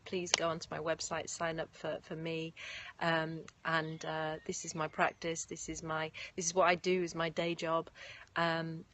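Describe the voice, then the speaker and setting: A woman teaching yoga nidra outdoors, who guides a meditation and then chats to her live viewers in a gentle, effusive way. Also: fairly low pitch. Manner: gentle, effusive, often laughing. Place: outdoors in nature. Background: faint birds and distant traffic.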